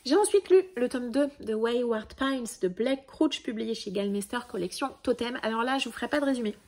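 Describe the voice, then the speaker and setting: A woman's voice: on the high side, brisk, a little mellow. A woman giving a casual, chatty book review, full of fillers and restarts. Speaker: book vlogger.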